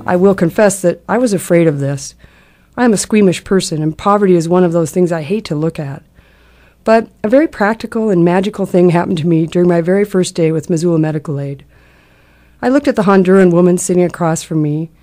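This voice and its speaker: A middle-aged woman reads a scripted personal account in a measured, reflective public radio manner. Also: lowish voice, mellow. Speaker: essayist reading a personal travel account.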